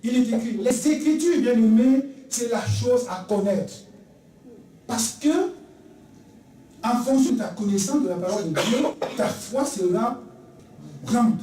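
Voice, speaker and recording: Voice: medium pitch, unhurried, long pauses, mellow, far from the mic, a little hiss or hum. A preacher delivering a sermon emphatically, repeating key phrases and acting out little dialogues. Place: church sanctuary. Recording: echoey church recorded from afar.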